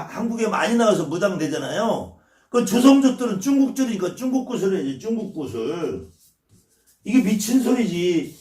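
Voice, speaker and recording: A man's voice: high-pitched, a little mellow, echoey room, recorded from a distance. A man from the Chungcheong region, a shaman teaching his viewers, blunt and scolding and swearing freely as he lectures. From Chungcheong, South Korea.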